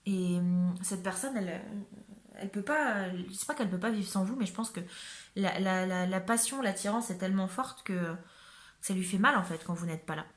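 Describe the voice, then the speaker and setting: A woman's voice: mid-range voice, moderate pace. A woman from the Ardennes in France doing a chatty tarot card reading for viewers, with many fillers and asides. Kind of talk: casual reading addressed to viewers.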